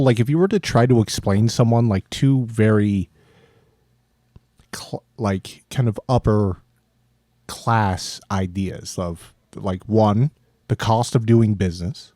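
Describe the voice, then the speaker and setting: A man with a fairly low, warm voice talks animatedly on a podcast, slipping into voices for the people he describes. His voice sits dry and close on the mic. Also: dry recording. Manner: animated, acts out voices in quotes. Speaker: podcast co-host. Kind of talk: casual chat.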